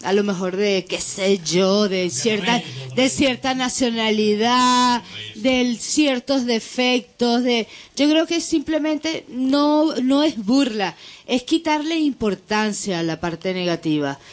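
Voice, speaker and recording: A woman with a fairly high voice tells a joke to a small group in a relaxed chat. She laughs at her own punchline and plays the old man in her story with a lifted, quicker voice. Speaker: group participant.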